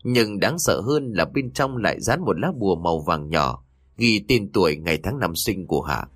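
A man narrating a ghost story in an expressive, dramatic storytelling style. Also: low voice, moderate pace, no echo, studio quality. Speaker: audiobook narrator.

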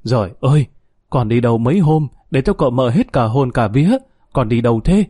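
A man's voice: medium pitch, lively intonation, brisk, mellow, breathy edge. A man voicing a worried middle-aged father who asks his questions through sobs. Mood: sobbing. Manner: sobbing, pleading.

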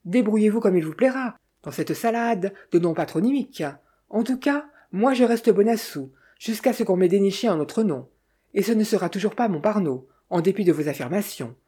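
A woman's voice: mid-range voice, animated, moderate pace, mellow, breathy edge. A woman reading the lines of an indignant traveling salesman in an audiobook, brusque and defiant. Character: indignant middle-aged male traveling salesman.

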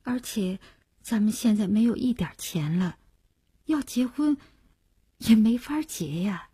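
Brief: woman doing a gentle young woman in a storybook, soft, husky and half-whispered. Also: on the high side, expressive, a little slow, no room sound, studio quality, exaggerated voice. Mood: worried. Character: young woman, loving, worried, tender.

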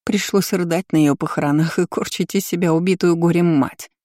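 A woman voicing a scheming, seductive stepmother in an audiobook story, lifting her voice higher and coy. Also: fairly even intonation, a little fast, mellow, no echo, clean studio sound, lightly acted.

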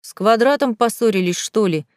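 A woman's voice: on the high side, moderate pace, darkish tone, clear, resonant tone, no room sound, clean studio sound, natural voice. A woman voicing an awkward young man who stammers and fusses over his guest. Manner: hesitant, stammering, fussing. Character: awkward young man, sober former addict.

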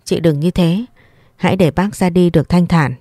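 A woman voicing a caring young man in a spoken story, talking in a soft, soothing, patient way. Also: lowish voice, moderate pace, no echo, clean studio sound, natural voice. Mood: gently coaxing.

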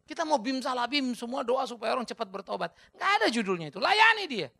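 Male pastor, fiery sermon, gravelly and very animated pitch. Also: fast talker, no room sound. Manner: fiery, conversational, swings between quiet and loud.

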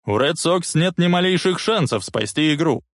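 Radio sports announcer, read by a male narrator, raised excited voice, play-by-play, dry storybook sound. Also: on the high side, normal speed, no echo, voice pushed up.

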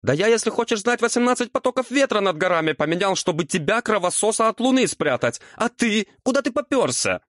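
A man voicing a grumpy, outraged male devil who shouts shrilly in an audiobook. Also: very animated, a little slow, few pauses, dry recording, clean studio sound. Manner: shrill, exasperated outbursts. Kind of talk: audiobook character voice.

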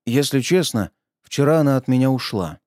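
A man's voice: mid-range voice, lively intonation, moderate pace, a little mellow, dry recording, studio quality, lightly acted. A man doing a desperate, hung-over man. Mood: pleading.

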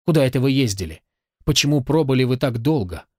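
A man reading the lines of an affectionate, playful young woman in a storybook, lively and chattering. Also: mid-range voice, fast, dry recording, studio quality, lightly acted. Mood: chatty, affectionate.

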